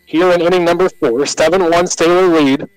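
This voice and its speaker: A man with an American accent calling live baseball play-by-play on the radio in short, measured announcer phrases. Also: a little high, fairly even intonation, clear, resonant tone, dry recording, faint music behind, low-quality recording.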